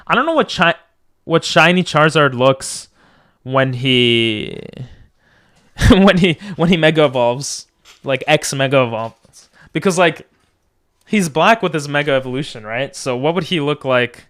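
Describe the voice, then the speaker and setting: A man's voice: a little high, animated, a little slow, long pauses, a bit bright, clean tone. A man streaming a video game, chatting casually and drifting between asides as he talks to viewers. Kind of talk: casual livestream gaming chat.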